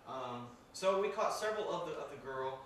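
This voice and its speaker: A man's voice: fairly high pitch, lively intonation, fairly quick, fairly bright tone, slight background noise. Chatty man speaking from far in an echoey room. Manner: chatty, laughs often, repeats words. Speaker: filmmaker and ghost hunter giving a talk. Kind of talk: casual presentation to a live audience.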